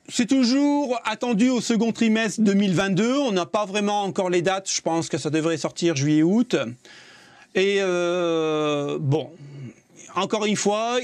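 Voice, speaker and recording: Opinionated high-voiced man. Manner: opinionated, repeats himself, hedges with "je pense". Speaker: tech video host. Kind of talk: casual tech commentary.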